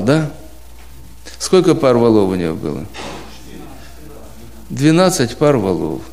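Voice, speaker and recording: A man's voice: on the high side, darkish tone. A man giving an informal talk to a group of church brothers, patiently explaining points with homely examples and questions. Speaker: preaching instructor. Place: church congregation abroad.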